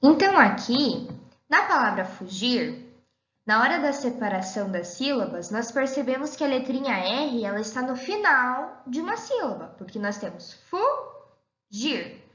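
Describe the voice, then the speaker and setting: A woman teacher giving an online lesson to young children, talking in a slow sing-song way and calling herself "the teacher.". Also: a little high, sing-song, a bit bright. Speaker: primary school teacher. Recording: echoey room, dull lo-fi sound.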